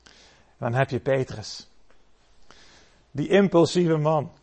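A man preaching a sermon, telling stories dramatically and swelling loud for the cries he quotes. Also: on the high side, slow pace.

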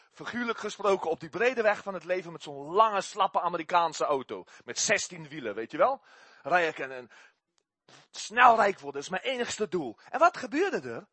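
A man preaches with a high, husky voice that swings widely in pitch. He tells his testimony in an animated way, repeating words as he builds up. The sound is close and dry. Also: no room sound. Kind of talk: sermon with personal testimony.

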